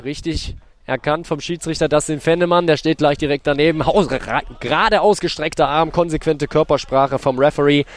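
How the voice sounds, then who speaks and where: A man giving live play-by-play football commentary, describing the action in detail in short clipped phrases. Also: medium pitch. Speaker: sports commentator.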